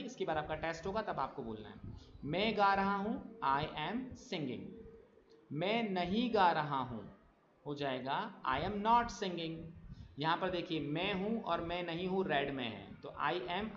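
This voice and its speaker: A man teaching spoken English, reading example sentences slowly and clearly with quick explanations in between. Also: fairly high pitch, expressive, a bit bright. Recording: echoey, dull lo-fi room sound.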